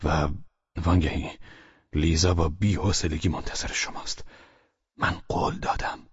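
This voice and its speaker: A man doing an irritable, flustered gentleman. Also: sits low, steady tone, breathy edge, dry recording, lo-fi sound. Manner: curt and angry, then stammering.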